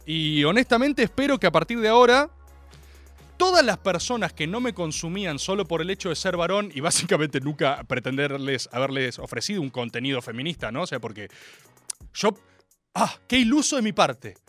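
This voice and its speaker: A man's voice: a little high, expressive, a little fast, a bit bright, dry recording, faint music behind. A young man with a Rioplatense Spanish accent hosting a comedy radio show from a studio. He delivers a mock-serious, exaggerated ironic rant. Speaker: radio host. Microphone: studio microphone.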